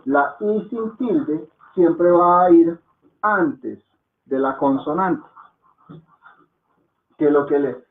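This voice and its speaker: A man teaching a lesson at a slow, deliberate pace, in a slightly high voice for a man. He repeats words again and again to drill pronunciation. The sound is echoey and thin, like a phone line. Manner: checks in with soft "¿mm?" and "¿ok?". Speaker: Hindi teacher.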